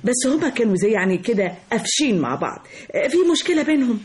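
A woman's voice: a little high, sing-song, fast talker. An actress with an Egyptian accent voicing a fussy, nosy woman in a radio drama. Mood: eager. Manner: eager, fussy, nervous laughing. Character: nosy gossiping woman neighbor, middle-aged.

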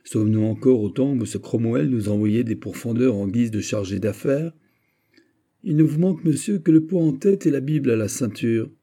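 Un homme qui lit à voix haute et joue un vieux cardinal rusé au ton bref et querelleur. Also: male voice, mid-range voice, moderate pace, mellow, pitched above the performer's own voice, close to an everyday voice. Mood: moqueur. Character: vieux cardinal ministre, rusé, irritable, ironique.

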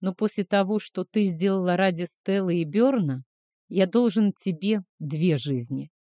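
A woman reading aloud and voicing a proud, reserved, icy supernatural man who speaks with measured honesty. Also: on the low side, dark tone, dry recording, studio quality, natural voice.

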